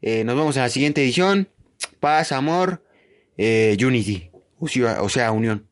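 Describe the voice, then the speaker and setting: A man's voice: medium pitch, lively intonation, a little slow. A man with a Mexican Spanish accent in a profane, rambling, mocking comedic monologue.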